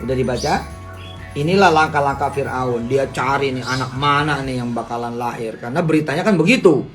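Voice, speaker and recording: A man's voice: medium pitch, brisk, soft background music. A middle-aged man with a nasal voice, preaching in a casual, joking way and asking the audience questions. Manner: lively, jokey, asks the audience questions. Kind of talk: casual Islamic teaching talk.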